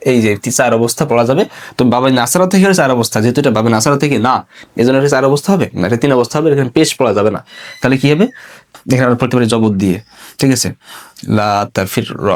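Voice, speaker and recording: Fast-talking man teaching a grammar lesson. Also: medium pitch. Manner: explains step by step, asks and answers his own questions. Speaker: online Arabic grammar teacher. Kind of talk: recorded video lesson.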